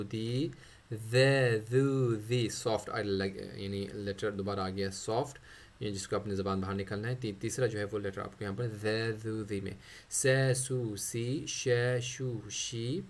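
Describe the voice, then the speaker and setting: Methodical male tajweed teacher drilling syllables. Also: lowish voice. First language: Urdu. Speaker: Quran recitation teacher. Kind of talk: tajweed lesson, explaining letters and demonstrating sounds.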